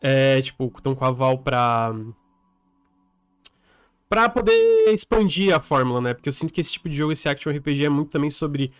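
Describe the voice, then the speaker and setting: A man's voice: mid-range voice, fairly quick, smooth, no room sound, clean studio sound. A man co-hosting a casual gaming podcast, talking in a loose, rambling way with lots of fillers, his mic clipping and distorting. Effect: clipping, distorted mic from input set too loud. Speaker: podcast co-host.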